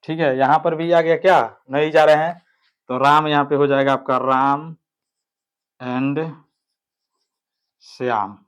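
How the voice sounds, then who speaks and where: Guy teaching an online grammar class, slightly high voice, keeps asking ok?. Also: steady tone, takes it slowly, long pauses, smooth. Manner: explains step by step, keeps checking with "ठीक है".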